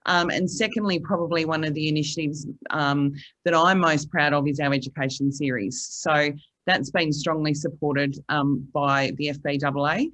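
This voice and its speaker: A woman's voice: sits low, fairly even intonation, moderate pace, a bit bright, rough recording. A woman with an Australian accent answering panel questions, enthusiastic and full of fillers. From Queensland. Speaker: panelist, finance platform representative.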